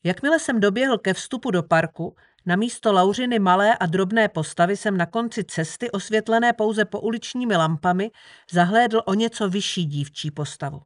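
A woman narrates an audiobook in a steady first-person reading. Her voice sits at a middle pitch. The recording is dry and close. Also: no echo.

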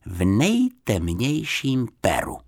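A man voicing a small, polite young male bear with a high, clear little voice and a self-important manner, in an audiobook. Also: huge pitch swings, a little mellow, heavily acted. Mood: earnest.

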